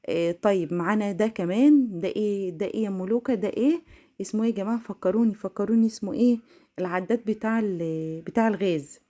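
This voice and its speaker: A young woman with an Egyptian Arabic accent, talking to her viewers in a chatty cleaning vlog. She rushes and laughs as she speaks. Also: mid-range voice. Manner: fast, excitable, laughing, addresses viewers directly. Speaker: home vlogger.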